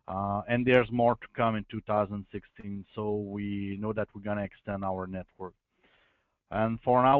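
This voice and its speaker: Man, French accent, native French, guest presenter on a webinar; halting delivery, smooth tone, phone-quality audio. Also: medium pitch, dry recording. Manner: halting, searching for English words. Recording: tinny phone-line audio.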